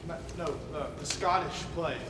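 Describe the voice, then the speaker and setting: A man acting in a stage comedy in an excitable, overdramatic way. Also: fairly high pitch, normal speed, heavy background noise. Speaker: stage actor. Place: school theater stage. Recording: echoey hall from far off.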